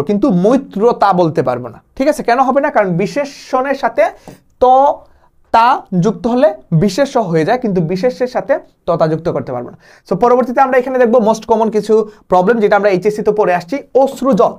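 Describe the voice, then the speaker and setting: Young male tutor, fast-paced exam-prep lecture, explanatory, peppered with English words. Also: high voice, animated, a little mellow. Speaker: admission test tutor.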